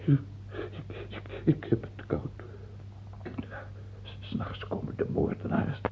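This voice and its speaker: In a dull, muffled old radio recording, an actor plays a sick, paranoid, self-pitying old king, speaking in a husky, gravelly, sometimes whispered voice. His lightly acted, theatrical delivery is halting and panicked with fear, swinging between whining and outbursts.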